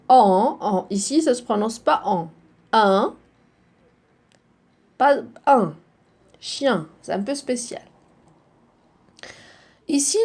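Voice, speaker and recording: A high-voiced woman teaches a phonics lesson to children, speaking slowly and carefully. Her pitch moves a lot as she spells out letters and repeats words. She keeps checking in with the class. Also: mellow.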